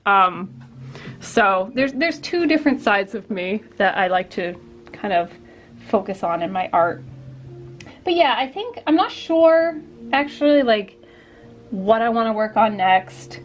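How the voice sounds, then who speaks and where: A woman's voice: medium pitch, sing-song, unhurried, soft background music. A woman artist hosting a casual studio vlog, talking while she paints, rambling with lots of fillers and restarts. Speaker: artist and vlogger. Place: home art studio.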